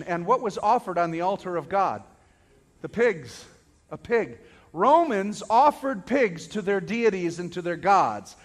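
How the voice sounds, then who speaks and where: A man pastor preaching a sermon, telling the story with dramatic swings from loud shouts to hushed whispers. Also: sits high, in a large hall.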